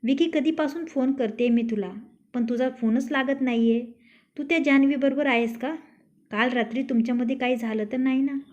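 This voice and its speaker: A woman's voice: sits high, fairly even intonation, normal speed, a little mellow, lightly acted. Woman narrator doing fashionable young girlfriend, suspicious, coaxing, storybook. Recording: dull lo-fi recording.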